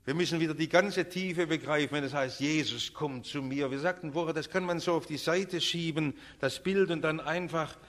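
An older man preaching a sermon in an impassioned way, building from quiet earnestness to loud, emphatic peaks. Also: on the high side, normal speed, hardly any pauses. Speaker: pastor.

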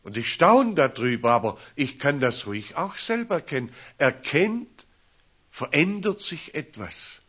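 A male pastor delivers a storytelling sermon at an unhurried, deliberate pace. His voice leaps and falls in lively swings. The recording is muffled and lo-fi. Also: a little high, breathy edge. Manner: slow, deliberate, animated rises and drops. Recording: dull lo-fi recording.

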